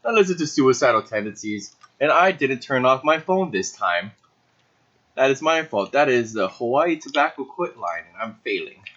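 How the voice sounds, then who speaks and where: A man's voice: medium pitch, lively intonation, normal speed, fairly bright tone. A young man co-hosting a podcast in casual chat, joking and laughing often. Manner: joking, laughs often, talks with his mouth full. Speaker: podcast co-host. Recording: dull lo-fi mic.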